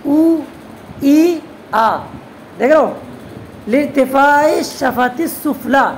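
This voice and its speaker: A woman teaching a classroom grammar lesson, constantly posing quick questions to her students and answering them herself. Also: sits high, darkish tone, a little hiss or hum, rough recording. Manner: addresses students as "beta". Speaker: religious teacher.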